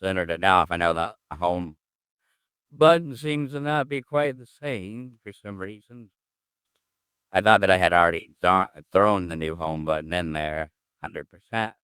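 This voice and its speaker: A man's voice: sits low, lively intonation, unhurried, a bit bright, clear, resonant tone, dry recording, clean studio sound. A man thinking aloud as he works through code, muttering, humming and trailing off as he goes. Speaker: programmer streaming his coding work. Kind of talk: casual think-aloud coding session.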